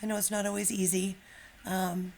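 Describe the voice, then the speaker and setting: Speaking at a normal speed in a mid-range voice with little pitch movement, this middle-aged woman has vocal fry and a slightly mellow tone. She acts as an encouraging, informal and somewhat nervous teacher for young pupils, chatting casually and reading a children's story aloud expressively. Slight background noise is present.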